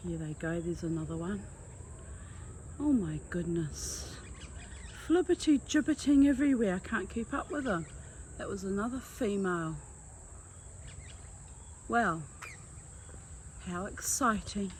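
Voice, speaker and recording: A woman's voice: medium pitch, expressive, measured pace, long pauses, a little mellow. An Australian woman chatting casually and cooing baby talk to pet birds, with effusive, theatrical endearments. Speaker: bird owner filming a home video. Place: outdoors in a garden at home. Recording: insect and bird noise outdoors.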